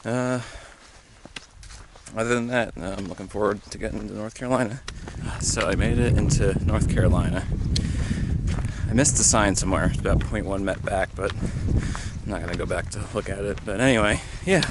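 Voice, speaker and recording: Out of breath on an uphill stretch of mountain trail, a low-voiced young thru-hiker records a relaxed vlog. He talks in a halting, filler-heavy but easygoing way, and the outdoor clip carries obvious background noise.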